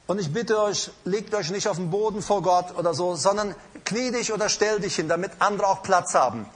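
A man's voice: sits high, fairly quick, husky. A man preaching an emphatic sermon with an altar call in a church, calling out to the congregation. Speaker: pastor. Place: church hall.

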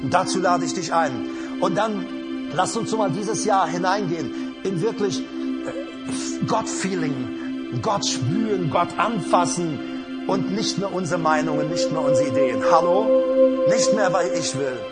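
A man's voice: high-pitched, measured pace, over loud music. A man preaching an emphatic sermon with an altar call in a church, calling out to the congregation. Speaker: pastor. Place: church hall.

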